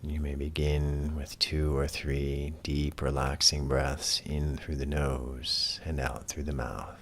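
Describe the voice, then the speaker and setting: A man with a very deep voice guides a relaxation exercise as a yoga teacher, calm and soothing, measured in pace, pausing at length between phrases. Slight background noise is present.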